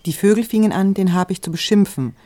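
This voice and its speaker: A reader telling a storybook aloud in a calm, gentle way. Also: mid-range voice, fast, slight background noise. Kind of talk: storybook reading.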